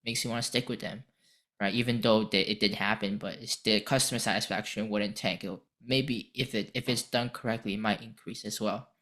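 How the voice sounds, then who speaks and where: A man's voice: lowish voice, steady tone, a little fast, sharp tone. A teenage boy co-hosting a podcast, chatting casually and explaining his point through long everyday analogies, often tagging on "right?" and "you know". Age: teens. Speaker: podcast co-host. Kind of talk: casual discussion.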